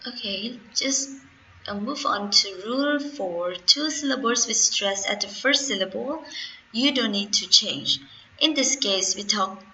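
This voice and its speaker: A woman's voice: mid-range voice, unhurried, pushed and bright, a little hiss or hum, poor audio. A young woman with a Khmer accent teaching an English grammar lesson, patiently spelling out letters and explaining rules step by step. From Cambodia.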